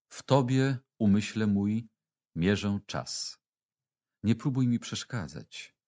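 A man reading a classic religious text aloud as an audiobook, in a slow, measured way with long pauses. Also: fairly low pitch, a little mellow. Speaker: audiobook reader.

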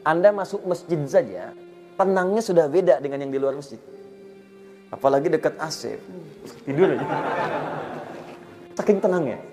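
A middle-aged man preaching a sermon, telling stories with acted dialogue and recited verses, swinging between loud emphasis and soft asides. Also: a little high, animated, moderate pace, pauses often, over music. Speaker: Islamic preacher.

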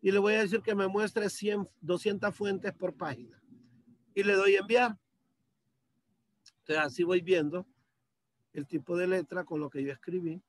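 A man's voice: high voice, steady tone, measured pace, long pauses, no echo. A male teacher walking students through a computer task step by step, patiently, on a video call. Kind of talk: screen-share computer lesson. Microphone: computer mic on a video call.

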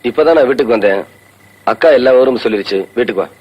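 A man's voice: medium pitch, rapid-fire, darkish tone, muffled recording, lightly acted. An actor playing a defiant young village man who talks back firmly in a film scene. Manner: firm, challenging. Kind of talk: Tamil film acting.

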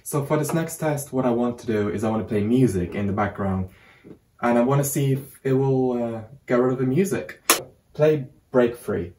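A man's voice: medium pitch, normal speed, mellow, a little hiss or hum. A young adult British man giving a casual, off-the-cuff product demonstration with dry joking asides. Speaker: tech tester. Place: small carpeted bedroom at a computer desk. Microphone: desktop microphone, laptop mic or phone, varying.

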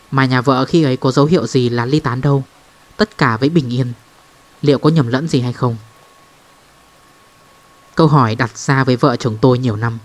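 A man narrating a first-person ghost story in a calm, measured way. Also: medium pitch.

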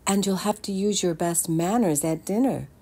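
A woman voicing a patient, gently firm mother in a read-aloud picture book, calm and measured. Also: fairly low pitch, breathy edge, pitched above the performer's own voice. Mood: gentle firm. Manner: calm, measured, kindly insistent.

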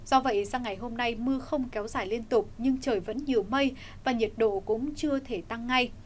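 Woman weather forecaster, fairly high voice, steady formal read. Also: a little fast, a little hiss or hum. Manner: steady, formal newsreader delivery. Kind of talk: scripted weather forecast reading.

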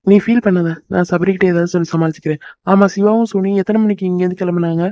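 A man voicing a fast-talking cartoon husband. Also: high voice, fairly even intonation, mellow, no room sound, muffled recording, natural voice. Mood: calm. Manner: fast, scolding then soothing. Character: young husband, fretful but soothing.

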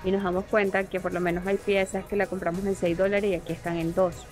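A woman's voice: mid-range voice, level tone, fast, soft background music. A woman with a Venezuelan accent, chatting casually as a vlogger while she reads out prices walking through a large indoor hardware store. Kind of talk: casual vlog tour.

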